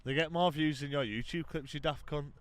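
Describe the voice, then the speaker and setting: British male podcast co-host: bright, forceful, clean tone; drunk, blunt, sweary banter. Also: fairly high pitch, a little fast, smooth. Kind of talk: casual banter.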